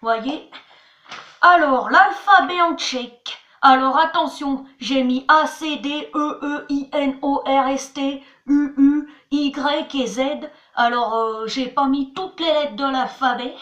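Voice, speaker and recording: A woman with a high, slow, fairly bright voice hosts a homemade language lesson on her channel, recorded muffled in an echoey room. Chatty as she teaches words, she spells them out letter by letter and keeps repeating "voilà" and "attention."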